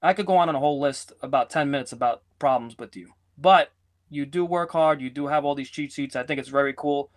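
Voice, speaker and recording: A man co-hosting a sports betting podcast, talking in a loose, rambling way. He jokes and teases his co-host in casual banter, and his voice sits a little high for a man. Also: fairly quick.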